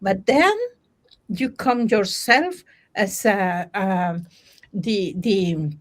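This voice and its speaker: A woman coach, not a native English speaker, talking in a casual discussion and often stopping to search for words. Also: mid-range voice. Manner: halting, searching for words, many restarts.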